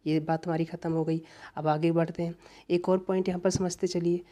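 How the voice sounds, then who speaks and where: A male teacher giving an online grammar class lecture, often repeating reminders as his voice drops softly at the end of phrases. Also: a little high, flat delivery, brisk.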